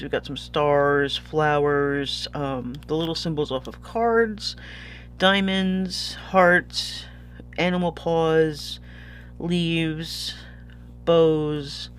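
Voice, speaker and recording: A man's voice: on the high side, a bit bright, a little hiss or hum. A sniffly man chatting casually as a vlogger unboxing purchases, rambling and easily losing his thread. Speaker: vlogger showing stationery purchases.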